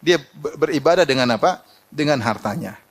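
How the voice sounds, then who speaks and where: Storytelling male preacher, higher voice. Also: lively intonation, normal speed. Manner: storytelling, quotes Arabic, laughs often. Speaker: Islamic preacher. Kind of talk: sermon with personal anecdotes.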